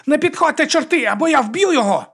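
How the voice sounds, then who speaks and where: A man voicing a desperate male palace guard who shouts threats while holding a hostage. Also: very high voice, lively intonation, fast talker, creaky, pitched above the performer's own voice, heavily acted. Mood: panicked shouting.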